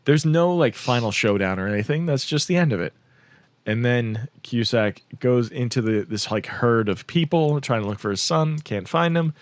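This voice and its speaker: A man's voice: medium pitch, normal speed, dry recording. A man on a podcast, casually recapping a film plot with lots of fillers and laughter. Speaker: podcast host or guest.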